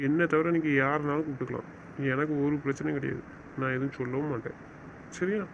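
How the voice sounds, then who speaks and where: A man's voice: a little high, steady tone, fast, vocal fry. A man playing a stern but loving young husband who lectures and then coaxes, in an audio drama recorded on a dull lo-fi track. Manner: scolding, lecturing, then coaxing. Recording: dull lo-fi recording with faint noise.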